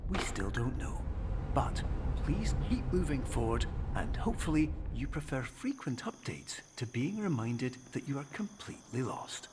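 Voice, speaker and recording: An actor playing an affable therapy doctor in a video game, giving polite, deadpan reassurance in scripted recorded announcements. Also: male voice, mid-range voice, normal speed, background noise, natural voice. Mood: blithely reassuring. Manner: polite, blithely reassuring, deadpan about bad news. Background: background music.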